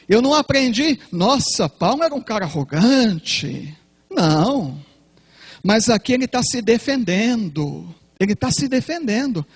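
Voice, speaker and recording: A Brazilian-accented man preaches a Bible lesson in a notably high voice. He talks straight to the congregation with repeated questions, then rises to loud, emphatic peaks as he drives his point home. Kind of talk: Bible teaching sermon.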